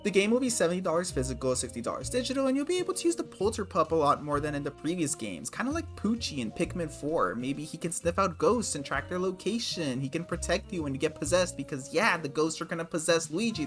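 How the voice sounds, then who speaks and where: A man's voice: on the high side, very animated, fast, hardly any pauses, soft background music. A man casually talking through his gaming predictions, sarcastic and swearing freely. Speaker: gaming video creator.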